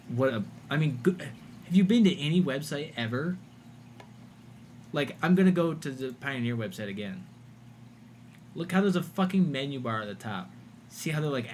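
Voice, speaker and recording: Man, streamer, casual rant, exasperated, swearing, mid-pitched voice, faint hum behind. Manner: profane, exasperated, mocking quoted voices. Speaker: livestream host.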